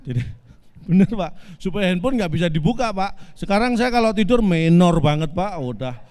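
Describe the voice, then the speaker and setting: A man in his forties telling a deadpan comic monologue, addressing the audience politely and spinning absurd twists with a straight face. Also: high voice, normal speed. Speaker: stand-up comedian. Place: virtual family gathering.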